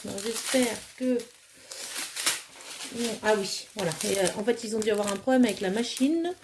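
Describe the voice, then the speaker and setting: A woman's voice: mid-range voice, normal speed, background noise. A woman chatting casually as she unboxes a craft kit at home, hesitant with many fillers and plainly enthusiastic. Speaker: crafting vlogger.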